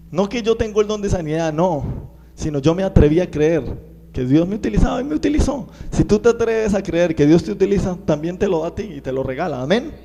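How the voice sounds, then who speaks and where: A man's voice: a little high, vocal fry, warm tone, long reverb tail. A man preaching a sermon, telling a personal testimony and acting out the voices of the people in it. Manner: storytelling, acts out quoted voices.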